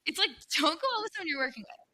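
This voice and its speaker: A woman's voice: high-pitched, lively intonation, very fast, bright, forceful tone, low-quality recording. A woman hosting a casual podcast, talking bluntly with plenty of swearing and reading forum posts aloud. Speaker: podcast host.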